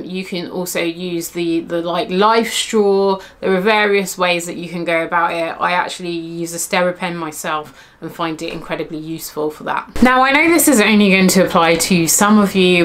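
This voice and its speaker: A woman from Britain with a British accent, giving casual travel tips to camera in a chatty, animated way with many fillers and restarts. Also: lowish voice. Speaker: travel vlogger.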